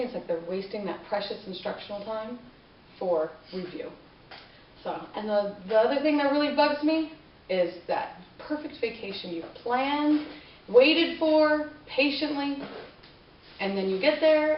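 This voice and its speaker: A woman's voice: medium pitch, slight background noise. A woman who is a parent giving a conversational persuasive speech to a class, asking the listeners rhetorical questions. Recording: distant, roomy, dull classroom recording.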